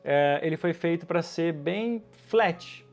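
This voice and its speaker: Male yoga teacher, slightly high voice, relaxed explanatory lesson, keeps checking in with the listener, soft music underneath. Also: slow, creaky. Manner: chatty, asks rhetorical questions and checks in with "ok?".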